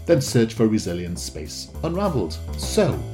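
A man's voice: lowish voice, wildly swooping pitch, normal speed, loud music behind the voice. A man hosting a podcast, introducing the show and chatting casually as an interviewer.

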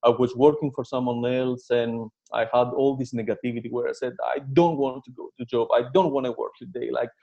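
A man's voice: medium pitch, steady tone, fairly quick, creaky, few pauses, mellow, muffled recording. A man in his thirties from Greece, a guest on a podcast, telling his story with plenty of fillers and restarts and Greek as his first language. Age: 30s. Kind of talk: casual interview.

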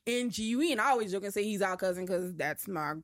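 Woman telling lively anecdotes. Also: mid-range voice, fast, no echo, clean studio sound. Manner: lively anecdotes, acts out quoted voices. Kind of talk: casual chat.

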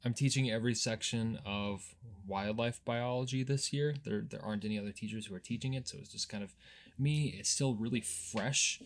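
A man's voice: on the low side, normal speed. A young man co-hosting a podcast and chatting casually as a teacher, meandering and hesitant, with many fillers and restarts. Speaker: podcast co-host, high school teacher.

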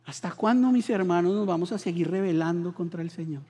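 A man from Colombia, a pastor preaching a sermon in church, telling stories with animated quoted voices. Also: high voice, brisk, breathy edge, long reverb tail.

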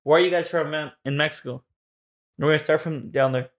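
A man's voice: on the high side, fairly even intonation, a little fast, a little hiss or hum. A man hosting a casual podcast chat, rowdy and joking, steering the group with questions. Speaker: podcast host.

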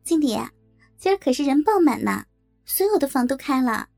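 A woman's voice: high-pitched, very animated, normal speed, creaky, darkish tone, faint music behind, pitched above the performer's own voice, full character voice. A woman voicing a cheeky young nightclub worker who teases her boss in a playful way. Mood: teasing.

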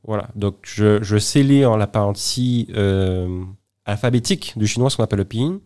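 Hesitant man with a lowish voice. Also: moderate pace, warm tone. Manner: hesitant, many repeated words and restarts. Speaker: interview guest. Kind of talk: casual conversation.

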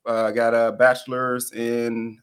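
A young man from Georgia, a restaurant founder talking as an interview guest, hesitant and full of pauses and fillers. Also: medium pitch, completely flat delivery, clean tone. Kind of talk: casual interview chat.

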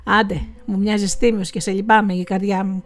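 A woman voicing a smooth-talking male swindler with false, honeyed pity. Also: medium pitch, little pitch movement, lightly acted.

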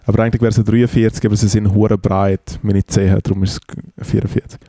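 Rambling Swiss German man, dark voice. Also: lowish voice, level tone, fast, no room sound, clean studio sound. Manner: rambling, jokey, searches for words. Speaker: podcast co-host. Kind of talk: casual podcast banter. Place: remote, on the English coast.

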